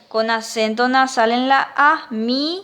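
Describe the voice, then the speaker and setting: A woman's voice: high-pitched, animated, normal speed, fairly bright tone. A woman teacher with a Paraguayan Spanish accent, patiently dictating words and sounding them out syllable by syllable in a classroom lesson.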